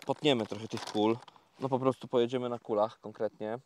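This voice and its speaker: A man talking casually to viewers in a fishing vlog, explaining each step in a relaxed, chatty way with many fillers, recorded outdoors by a lake. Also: mid-range voice, fairly quick, heavy background noise. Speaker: carp fishing vlogger.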